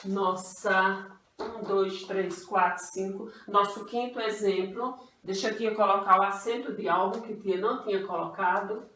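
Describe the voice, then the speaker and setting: Brazilian female primary teacher, unhurried and repetitive delivery, recorded in a roomy space from a distance. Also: mid-range voice, fairly even intonation, a bit bright, a little hiss or hum. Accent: Brazilian Portuguese. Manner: patient, refers to herself as "tia", repeats rules slowly. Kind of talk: online grammar lesson for children. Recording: echoey room, voice from a distance.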